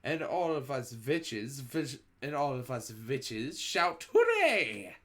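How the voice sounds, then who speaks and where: During a storybook read-aloud, a reader voices a cruel, gloating old witch queen who shouts and chants a singsong rhyme. The voice is medium-pitched and slow.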